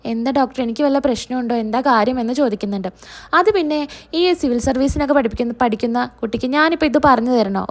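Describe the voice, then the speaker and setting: A woman's voice: sits high, vocal fry. A woman narrating a recap of a TV serial episode, retelling each character's lines in her own voice. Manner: narrates and voices all characters' quotes herself.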